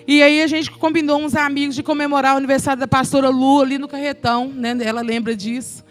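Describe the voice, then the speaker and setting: High-voiced Brazilian woman giving testimony. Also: little pitch movement, fast talker. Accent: Brazilian Portuguese. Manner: emotional, addresses the congregation as brothers. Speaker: children's ministry speaker. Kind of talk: testimony sermon.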